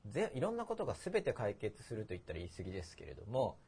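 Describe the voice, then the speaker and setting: A man's voice: fairly low pitch, huge pitch swings, very fast, dark tone, breathy edge. A middle-aged man hosting a casual podcast chat, rambling and poking fun at himself as he explains his ideas. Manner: rambling, self-deprecating, laughs at himself. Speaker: host.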